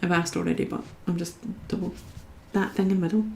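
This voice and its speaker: A woman's voice: lowish voice, level tone, quick pace, vocal fry, reverberant, a little hiss or hum. A young Scottish woman chatting with viewers as she colours during a live stream. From Scotland. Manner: chatty, talks to viewers while working. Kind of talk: casual chat while colouring.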